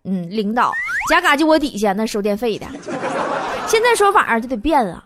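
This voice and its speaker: A woman from Northeast China hosts a comedy show, delivering a playful comic monologue in a Northeastern Mandarin accent and laughing often. Her voice sits on the high side with big pitch swings and a slightly quick pace, and there's noise in the background.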